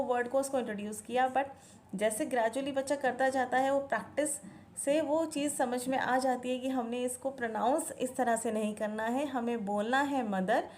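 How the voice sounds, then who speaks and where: A woman's voice: high-pitched, a little mellow, a little hiss or hum. A woman hosting a home-teaching video who patiently explains spelling methods for children, mixing Hindi and English and spelling words out letter by letter. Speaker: parenting channel host teaching spelling methods.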